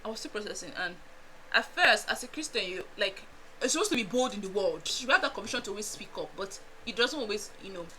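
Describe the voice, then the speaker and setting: A young Nigerian vlogger with a Nigerian accent chats casually with her viewers in a lively storytime video, laughing a lot and tossing in asides. Her mid-range voice moves at a quick pace, and the poor audio carries a slight hiss or hum.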